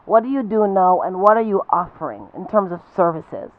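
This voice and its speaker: A woman's voice: fairly low pitch, lively intonation, a little fast, no room sound, narrow, tinny audio. A woman hosting a live studio talk show, upbeat with a playful rhyming patter.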